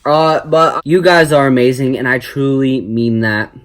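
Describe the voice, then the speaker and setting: A man's voice: medium pitch, steady tone, a little slow, fairly bright tone. A young man rambling casually to his viewers in a jokey, self-deprecating, stop-start way, like a vlogger.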